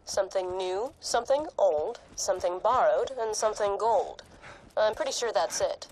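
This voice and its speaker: A woman's voice: mid-range voice, moderate pace, darkish tone, slight background noise, lightly acted. A woman voicing a wry wedding mediator who talks in a self-mocking way.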